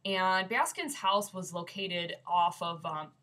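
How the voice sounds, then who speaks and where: In a casual webcam video submission, a young Michigan woman rambles through a ghost story full of fillers. Her stuffy, congested voice is lowish, pushed and bright, and she speaks slowly.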